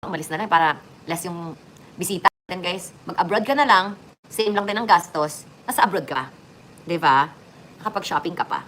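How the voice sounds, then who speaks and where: A woman's voice: normal speed, a little hiss or hum. A woman chatting casually to her viewers as a vlogger, joking and swinging her voice up and down. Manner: chatty, lively swings in pitch and loudness, joking asides.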